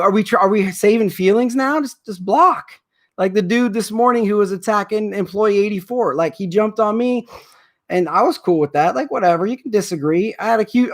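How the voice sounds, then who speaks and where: Rambling, emotional man on a livestream. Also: high-pitched. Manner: rambling, emotional, repeats himself. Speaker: sports card breaker host. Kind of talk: casual livestream chat.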